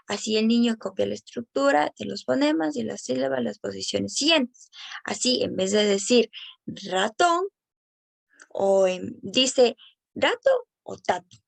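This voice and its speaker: A woman giving a careful educational presentation on child speech development, slowing down to say each example word clearly. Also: on the high side, no echo. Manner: careful, explanatory, slows down on example words.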